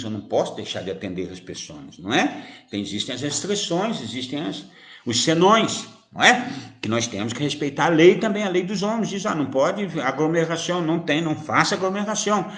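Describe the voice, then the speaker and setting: Teasing and talkative, a man acting as a spiritist medium responds to viewers' questions with casual spiritual teaching and plenty of rhetorical questions. His voice is mid-range and a bit bright, echoing in a roomy space.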